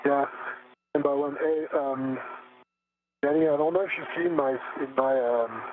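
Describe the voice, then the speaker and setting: A man working as an astronaut, giving a halting, precise technical report over a crackly space-to-ground radio link. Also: mid-range voice, steady tone. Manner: halting, precise, searching for words. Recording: tinny radio line with faint hum.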